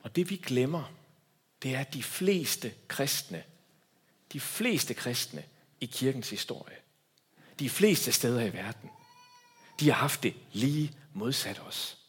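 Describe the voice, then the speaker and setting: Danish pastor preaching with sweeping swings. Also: male voice, medium pitch, animated, long pauses, slightly rough. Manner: preaching with wide swings from loud to hushed. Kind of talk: sermon.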